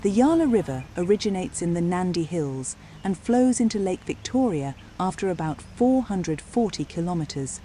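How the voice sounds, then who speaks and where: A woman's voice: on the low side, very animated, moderate pace, hardly any pauses, mellow. A woman reading scripted narration for a nature documentary.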